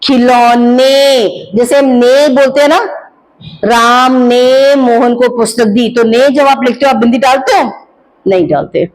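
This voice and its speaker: A woman teaching Hindi grammar to students, drawing out each word slowly so they can copy her pronunciation and calling them "beta" as she explains. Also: on the high side, poor audio. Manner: slow, drawn-out pronunciation of words for students to copy; addresses students fondly as "beta".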